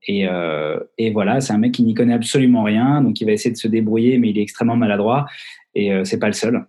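A man's voice: lowish voice, fast, warm tone, husky. A man, an actor, chatting casually in an interview over a video call, joking with mock-serious tall tales. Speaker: actor guest.

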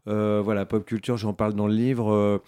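A middle-aged man speaks as an interview guest, relaxed and rambling, with frequent hesitations. His voice sits somewhat low. He talks casually, as if explaining things to a class. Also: moderate pace, clean tone. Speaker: philosophy teacher guest.

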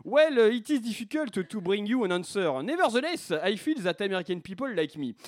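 A man's voice: high-pitched, big pitch swings, moderate pace, no echo, clean studio sound. A man voicing the French accent as a smug charmer, speaking English with a heavy French accent. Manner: smug, suggestive.

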